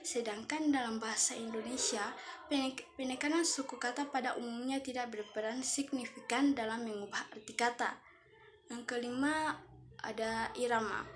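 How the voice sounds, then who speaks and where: A young woman student reads her class presentation from notes, now and then tripping over a word and restarting it. Her voice sits a little high. A faint hiss lies under the recording. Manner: reads from notes with self-corrections.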